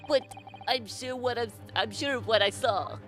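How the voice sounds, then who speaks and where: A woman's voice: fairly high pitch, normal speed, fairly bright tone, soft background music, voice pushed up, lightly acted. A woman voicing a sneering, aristocratic male prosecutor in a game, with a mocking drawl. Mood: scornful.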